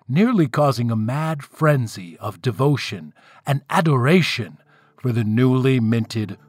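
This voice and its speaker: A man's voice: mid-range voice, expressive, unhurried, darkish tone, no room sound. Playful man telling a myth. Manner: playful and wry, with asides to listeners. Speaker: storyteller. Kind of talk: casual storytelling narration of myths.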